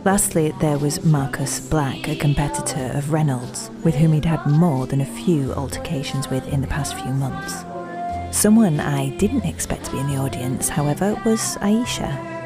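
A woman's voice: low voice, normal speed, music in the background. A woman with a Yorkshire accent narrating a detective audio drama in a dry, self-mocking way.

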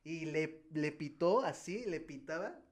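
A man with a Mexican Spanish accent, chatting casually and telling stories with slang and animated asides. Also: a little high, unhurried. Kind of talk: casual podcast chat.

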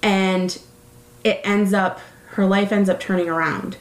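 A woman's voice: mid-range voice, fairly even intonation, measured pace, echoey room, low-quality recording. A woman talking casually, rambling with many fillers and correcting herself as she goes. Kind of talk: casual chat.

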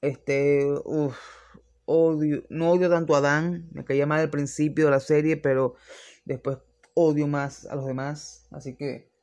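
A man's voice: fairly high pitch, level tone, unhurried, darkish tone. A young man, reviewing series in casual, opinionated chat that rambles and restarts often.

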